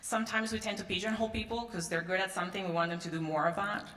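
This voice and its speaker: Delivering a conference talk on stage, this middle-aged woman from Peru talks very fast in a steady, mid-range voice that sounds a bit bright. She keeps it conversational, often dropping in "um" and "right?" The large hall makes the audio echoey with long reverb.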